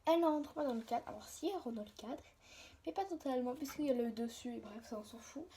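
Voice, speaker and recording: A young woman who makes hobby videos talks fast in a high voice, rambling casually and hesitantly while showing her toy collection in a homemade vlog. She often interrupts herself and uses colloquial, mildly sweary language. It's recorded on a phone, tripod-mounted or handheld, with clear background noise.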